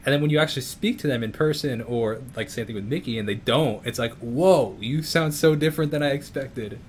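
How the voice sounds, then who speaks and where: A young man with a New York accent and a mid-range voice hosts a casual video-call interview for his music channel, talking fairly quickly. He rambles, restarts his sentences often, and uses plenty of fillers. There is slight background noise.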